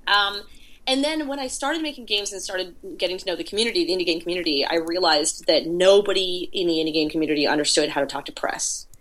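An indie game PR producer appears as a podcast guest, chatting casually in an interview and telling stories packed with filler words. Her voice is lowish, fast, and a bit bright.

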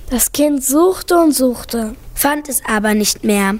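A woman narrating a fairy tale in an expressive, gentle storybook reading. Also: high voice, slow. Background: music.

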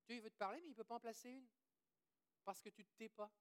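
A woman's voice: fairly high pitch, steady tone, rapid-fire, clear, resonant tone. A woman with a Québécois French accent preaching a sermon, quoting scripture, asking the audience questions and leading prayers. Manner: earnest, asks the audience questions, quotes scripture.

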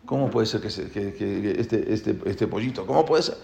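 Gravelly man telling a story. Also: fairly low pitch, moderate pace, a little mellow. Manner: repetitive, emphatic, lots of restarts. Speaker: guest telling a religious parable. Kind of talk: animated storytelling. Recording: echoey room.

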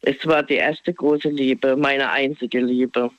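Woman in her 50s on a phone call, slow short answers, muffled lo-fi line. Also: a bass voice, fairly even intonation, no echo. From Germany. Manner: brief, unhurried answers. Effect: over the phone. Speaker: caller. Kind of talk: radio call-in.

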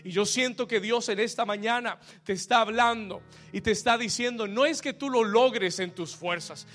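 Fervent high-voiced male preacher. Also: moderate pace, soft background music. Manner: fervent preaching that swells to shouts, calling for amens. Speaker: pastor. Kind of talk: sermon.

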